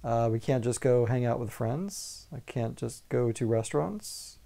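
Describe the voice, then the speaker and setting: A man in his forties answering documentary interview questions, measured and thinking aloud. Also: medium pitch, vocal fry, mellow. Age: 40s.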